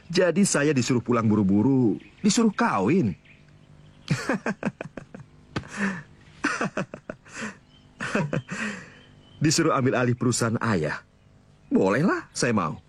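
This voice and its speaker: An actor playing a dismissive young man in his twenties who mocks his parents' plans, with a husky voice. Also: mid-range voice, big pitch swings, drawn-out words, pauses often, heavily acted. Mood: mocking. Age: 20s. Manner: teasing, laughs off his parents. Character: young man back from the city, dismissive and cocky. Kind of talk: TV drama acting.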